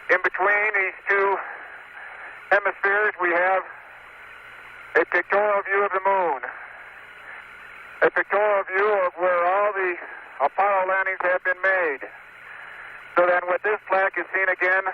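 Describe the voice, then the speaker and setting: Man over crackly space radio. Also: high voice. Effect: crackly space radio transmission. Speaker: astronaut on the lunar surface. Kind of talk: formal ceremonial address. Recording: noisy, muffled radio link.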